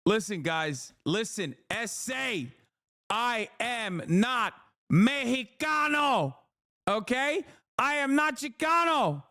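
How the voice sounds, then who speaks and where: A man parodying a woman who lectures her audience with slow, drawn-out, preachy delivery. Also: very high-pitched, a bit bright, exaggerated voice.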